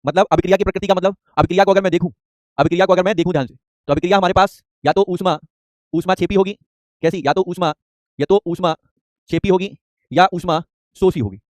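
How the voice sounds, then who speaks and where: Rapid-fire high-voiced male teacher. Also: fairly even intonation, darkish tone, no room sound, clean studio sound. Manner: rapid, repetitive, coaxing students with quick questions. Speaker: chemistry teacher. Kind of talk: online class lecture.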